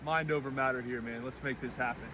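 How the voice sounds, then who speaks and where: A man's voice: medium pitch, fairly even intonation, fast talker, sharp tone. A man chatting casually and informally as he vlogs out and about, in plain-spoken everyday language. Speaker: vlogger. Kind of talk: casual outdoor vlog chat. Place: outdoors and in a car. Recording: clear outdoor and vehicle noise. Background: outdoor ambience, vehicle noise.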